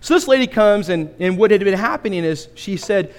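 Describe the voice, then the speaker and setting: Conversational man preaching, a bit high. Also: expressive, brisk. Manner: conversational and humorous, asks the congregation questions. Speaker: pastor. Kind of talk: sermon.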